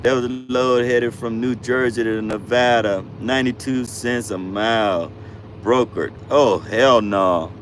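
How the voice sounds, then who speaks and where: A laid-back man in his fifties chatting on a livestream, his voice sitting at an ordinary middle pitch. He talks in loose, slang-heavy phrases and keeps calling his viewers bro and fam. Faint traffic noise hums in the background. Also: a little slow. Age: 50s. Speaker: livestream host, truck driver. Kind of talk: casual livestream chat reading viewer comments.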